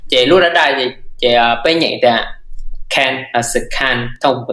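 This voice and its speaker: A man teaching a language lesson, repeating phrases slowly and word by word. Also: mid-range voice, pushed and bright, echoey room, low-quality recording.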